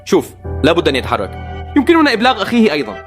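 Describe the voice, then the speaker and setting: A man hosting with excited, dramatic commentary on a video, speaking. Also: sits high, very fast, soft background music. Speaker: host.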